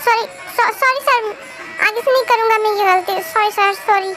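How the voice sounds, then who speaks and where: A woman's voice: extremely high pitch, brisk, over music. A woman playing a shy, timid young maid. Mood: apologetic. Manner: soft, hesitant and stammering. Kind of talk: fan audio drama role-play.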